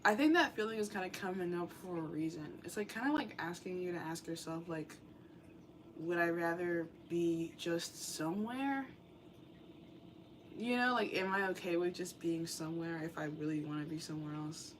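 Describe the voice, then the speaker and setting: A woman's voice: on the low side, normal speed. Young woman doing a chill tarot reading, rambly, lots of "like", hissy noisy mic. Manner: rambling, filler-heavy, meandering. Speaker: tarot reader.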